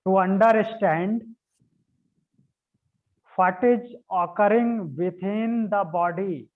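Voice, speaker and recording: Guy teaching yoga anatomy on a zoom call, high voice, tinny phone-like audio, keeps repeating himself and spelling words out. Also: takes it slowly. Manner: repeats phrases and spells out key words letter by letter. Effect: heard over a video conference call. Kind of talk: online class lecture, dictating notes. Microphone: video call.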